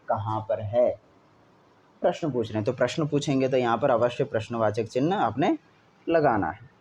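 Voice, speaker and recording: A man teaching Sanskrit grammar to schoolchildren, reading each example sentence slowly and then giving its meaning. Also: medium pitch, warm tone. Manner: repeats each example with a Hindi gloss. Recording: dull lo-fi recording with faint hiss.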